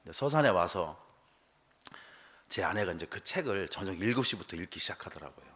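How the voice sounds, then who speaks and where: A man's voice: deep voice, expressive, a little fast, a bit bright. A middle-aged male pastor telling a personal testimony in a church sermon, acting out the dialogue and laughing as he goes.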